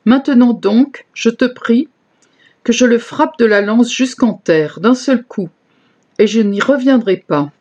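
A woman's voice: on the high side, unhurried, a little mellow, dull audio. A woman voicing an eager male warrior in a scripture reading, urgent and insistent.

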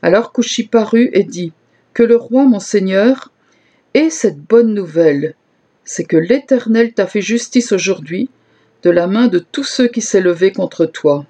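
Slow, measured scripture reader. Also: medium pitch, warm tone, slightly rough. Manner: slow, measured delivery, lifting the voice for quoted speech.

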